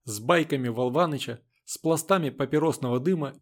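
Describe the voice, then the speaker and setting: A man narrating an audiobook in a steady, even storytelling voice. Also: mid-range voice, brisk.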